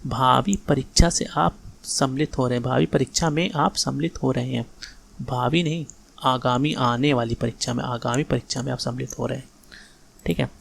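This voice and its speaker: A man's voice: medium pitch, steady tone, moderate pace, creaky, husky. A man teaching a grammar exam-prep lesson in a casual lecture style, correcting sentences and often asking if the students follow. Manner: repeats corrections, checks understanding often.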